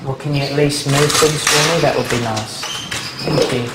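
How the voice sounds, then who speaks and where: A man's voice: medium pitch, steady tone, moderate pace. A man chatting casually and cheerfully in a home kitchen, a little out of breath and joking at his own expense. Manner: chatty, upbeat, self-mocking. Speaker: reality show participant. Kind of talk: casual talk to camera. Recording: noisy home recording.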